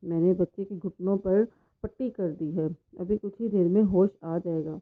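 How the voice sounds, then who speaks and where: A woman's voice: on the low side, fairly even intonation, lightly acted. A woman voicing a concerned male doctor who explains earnestly; the sound is tinny and phone-like.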